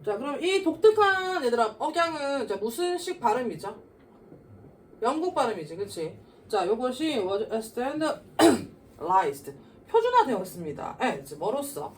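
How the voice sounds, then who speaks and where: Recorded on a distant mic with faint noise, a woman lectures a middle school class in a classroom, explaining an English reading passage. Her voice is on the high side and her pace measured; she is animated, asks questions only to answer them herself, and keeps filling pauses with "자" and other fillers.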